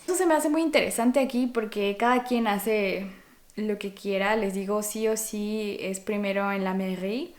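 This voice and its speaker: Speaking at a normal pace in a mid-range voice, a young Mexican woman chats casually to viewers on her vlog. Spanish is her native language, and her accent is Mexican.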